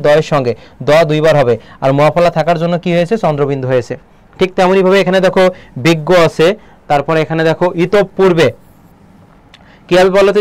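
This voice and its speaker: Bangladeshi guy teaching online class, highish smooth voice, keeps asking students questions. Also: darkish tone, no room sound. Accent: Bangladeshi Bengali. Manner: quizzing students with quick questions. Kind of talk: online exam-prep class.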